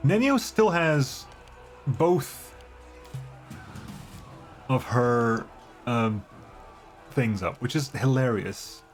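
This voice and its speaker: A man's voice: mid-range voice, lively intonation, extremely slow, pauses often. A man chats his way through a video game in an everyday mid-range voice. His commentary is casual and unscripted, with game music playing behind him.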